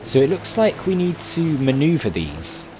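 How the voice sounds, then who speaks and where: A man's voice: on the high side, wildly swooping pitch, moderate pace, rough recording. A man hosting a let's play, musing aloud and asking questions in casual game commentary. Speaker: gamer, let's play host. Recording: game music behind.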